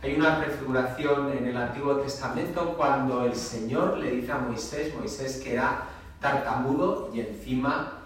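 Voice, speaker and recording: A man's voice: medium pitch, normal speed, slight background noise. A man, a priest, giving a homily in an emphatic, conversational preaching style. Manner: emphatic, conversational preaching with dramatic quoted voices. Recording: echoey church from far off.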